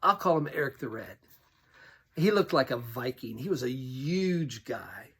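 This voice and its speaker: A middle-aged pastor telling personal stories in an animated way, sometimes dropping to a near whisper. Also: male voice, medium pitch, unhurried, breathy edge. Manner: animated, acts out quoted voices, drops to a near whisper at tense moments. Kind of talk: storytelling monologue.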